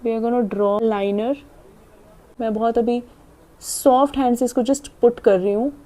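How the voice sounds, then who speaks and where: Young indian woman rambling through a makeup tutorial, mellow voice, talks fast. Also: a little high, steady tone. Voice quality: talks fast and swallows half her words. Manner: chatty, demonstrating while applying makeup. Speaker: makeup vlogger. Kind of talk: casual makeup tutorial, Hindi-English mix.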